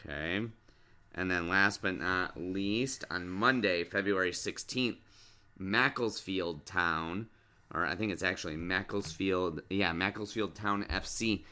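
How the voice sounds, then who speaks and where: A man's voice: deep voice, measured pace, sharp tone, smooth. A middle-aged man hosting a casual sports podcast with his child, patiently asking question after question and coaxing answers. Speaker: podcast host and dad.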